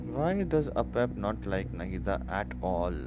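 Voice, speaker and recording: A man's voice: on the low side, sing-song, measured pace. A man, chatting casually and teasing the characters while streaming a game. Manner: chatty, teasing, switches into Hindi. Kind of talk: casual commentary on gameplay. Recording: dull audio under loud game music.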